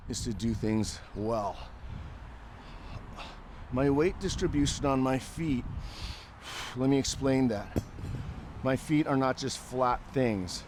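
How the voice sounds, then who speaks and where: An older man speaks slowly and calmly, explaining a workout while he demonstrates it. He thinks aloud in short, unhurried phrases between movements. A faint background noise sits under his voice. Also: medium pitch. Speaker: fitness coach.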